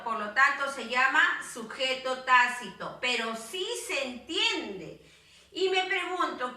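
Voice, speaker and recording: Slow, patient woman teacher, high voice. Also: bright, forceful tone, recorded from a distance. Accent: Peruvian Spanish. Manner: slow, patient, repeats and questions the children. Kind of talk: recorded online grammar class for children. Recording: echoey room, voice off-mic.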